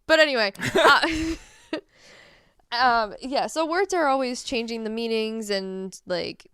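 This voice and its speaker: A woman's voice: fairly high pitch, takes it slowly, pushed and bright, smooth, no echo, studio quality. A woman co-hosting a podcast in casual chat, talking in a rambling way and laughing often. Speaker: podcast co-host. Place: Massachusetts.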